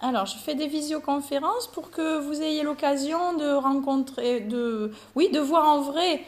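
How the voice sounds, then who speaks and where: High-voiced woman teacher explaining to kids. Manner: patient, simple explanations with pauses. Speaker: teacher running video calls with English pupils. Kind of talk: explaining to schoolchildren in an interview. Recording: noisy classroom with crowd chatter. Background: children chattering.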